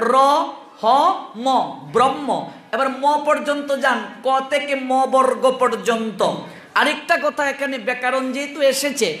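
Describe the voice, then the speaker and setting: A man's voice: extremely high pitch, sharp tone. A man giving a devotional teaching discourse, patiently spelling out each point step by step and putting questions to his listeners. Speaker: religious speaker on the Gita. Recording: roomy echo.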